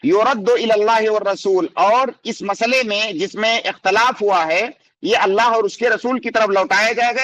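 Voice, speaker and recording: A man, an Islamic scholar, reads Arabic passages and explains them slowly and deliberately in a live discussion. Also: high-pitched, fairly bright tone.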